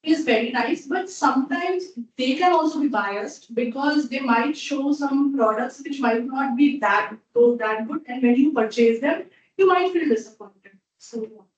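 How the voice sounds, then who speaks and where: A woman's voice: high voice, a little slow, highs cut off. A woman in a focus group, chatting with frequent fillers. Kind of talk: casual discussion. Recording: echoey distant meeting recording.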